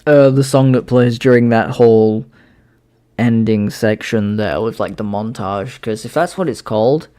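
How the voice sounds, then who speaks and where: Young man, livestream host, casual commentary, laid-back, slightly low voice. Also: moderate pace, dark tone. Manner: laid-back, swears casually, laughs easily.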